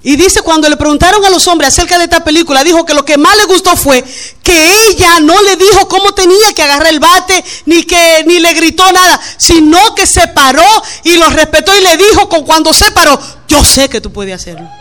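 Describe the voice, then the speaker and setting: A middle-aged woman preaches to her congregation in a high, bright, forceful voice. She is lively and playful, acting out everyday quotes in between her points. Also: a little fast. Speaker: pastor. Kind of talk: sermon. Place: church.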